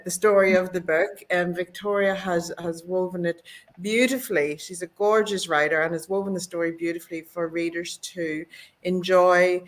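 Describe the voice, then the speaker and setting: An Irish woman hosting a video call interview, speaking with effusive, enthusiastic praise. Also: fairly low pitch. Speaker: interview host.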